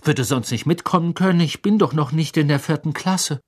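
A reader voicing Ginny, a shy young teenage girl who speaks haltingly. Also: deep voice, darkish tone. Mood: awkward. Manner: hesitant, halting.

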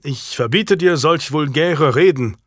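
A guarded medieval husband played by a man in an audiobook, gruff and curt. He speaks low, near the reader's own voice, with a dry, close sound. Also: measured pace, no room sound. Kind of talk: audiobook character reading.

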